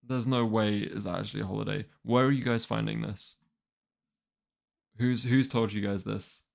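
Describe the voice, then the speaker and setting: A twenty-year-old man talks casually to his stream. His voice sits low with a gravelly edge. He rambles, sounding wry and exasperated. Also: fairly even intonation, normal speed. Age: 20s. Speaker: manga reaction streamer. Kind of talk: casual live-stream chat.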